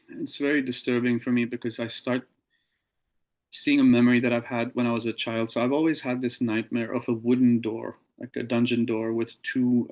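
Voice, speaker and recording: A man speaks as an interview guest, slowly and earnestly recounting something that happened to him. His voice stays level and flat, with little rise or fall. The audio sounds dull and lo-fi. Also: medium pitch. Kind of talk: recounting a personal experience.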